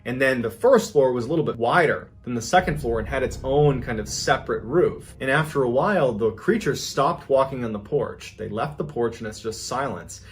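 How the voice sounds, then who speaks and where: A man's voice: mid-range voice, normal speed, few pauses. A man hosting a podcast, narrating a true scary story in a suspenseful, conversational way.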